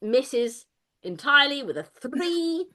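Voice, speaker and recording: A woman game master narrates a tabletop adventure in a bright, crisp voice. She takes her time and keeps a playful, laughing tone, dipping into silly character voices. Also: high voice, sing-song, takes it slowly.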